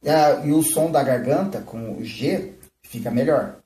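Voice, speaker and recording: A man's voice: on the high side, a little slow, heavy background noise. A man giving a live flute lesson, explaining techniques and often checking in with "né?" and "tá?". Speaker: flute teacher. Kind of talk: live-streamed music lesson. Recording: roomy, from a distance.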